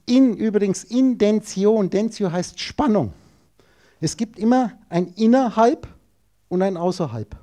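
A man's voice: high voice, expressive, measured pace, warm tone. A man giving an esoteric lecture, emphatic and rhetorical, speaking straight to his listeners.

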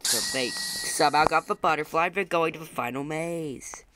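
A man's voice: fairly high pitch, normal speed. A man casually commentating a game for viewers, explaining what happens, on a noisy home recording. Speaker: gaming commentator. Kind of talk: casual let's-play commentary.

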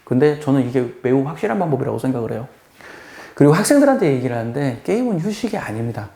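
Lively man lecturing in an echoey room. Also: medium pitch, fast talker, creaky. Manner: lively, acts out quoted people. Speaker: math tutor. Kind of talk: conversational lecture.

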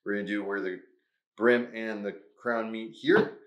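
A man's voice: on the low side, steady tone, a little slow, a bit bright, reverberant, dull audio. A man hosting a hands-on craft tutorial, who talks upbeat through each step. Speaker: host.

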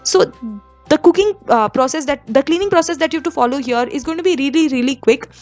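A woman's voice: sits high, fast, a little mellow, soft background music. A young woman from India giving kitchen cleaning tips in a conversational voice-over, with frequent fillers and restarts. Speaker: home vlogger.

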